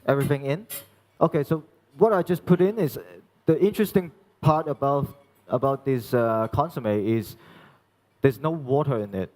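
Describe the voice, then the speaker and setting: A young man from Hong Kong, working as a chef, giving a live cooking demonstration and explaining each step in a halting way with many restarts. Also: mid-range voice, a little mellow. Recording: long reverb in a large hall.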